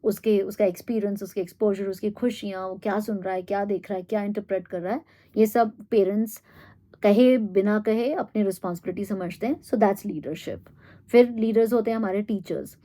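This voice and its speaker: A woman giving a reflective monologue, thinking aloud with pauses and fillers and mixing in English phrases. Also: mid-range voice, fairly even intonation, mellow. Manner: thoughtful, pauses with fillers, mixes Hindi and English. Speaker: host.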